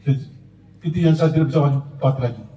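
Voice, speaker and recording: Husband with a Sumba accent speaking from afar. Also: male voice, mid-range voice, warm tone, highs cut off. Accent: Eastern Indonesian (Sumba). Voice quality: halting, repetitive speech with many murmured fillers. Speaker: husband giving a public clarification. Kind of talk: emotional personal testimony. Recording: distant, echoey room with faint noise.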